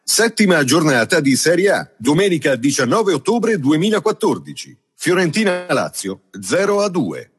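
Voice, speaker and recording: Husky male announcer with long reverb. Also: fairly high pitch, big pitch swings, moderate pace. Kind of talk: scripted match-title announcements.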